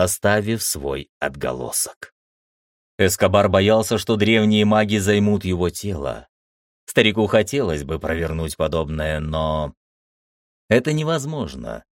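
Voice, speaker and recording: A man narrating a fantasy audiobook in an expressive storytelling delivery. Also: low voice, dry recording, studio quality.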